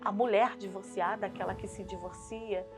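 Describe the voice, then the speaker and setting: Brazilian woman pastor, mid-pitched, fervent testimony over faint music. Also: steady tone, moderate pace. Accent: Brazilian Portuguese. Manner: earnest, rising to fervent intensity when recounting prayer. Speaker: pastor and singer, guest. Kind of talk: emotional faith testimony in an interview.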